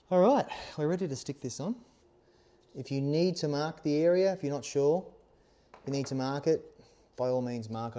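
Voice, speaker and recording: An Australian man with a warm, medium-pitched voice runs a casual hands-on tutorial as a helmet accessory maker. Seated at a workbench in a small indoor workshop studio, he talks through the demonstration informally and reassuringly, often checking in with "okay?" and "all right?"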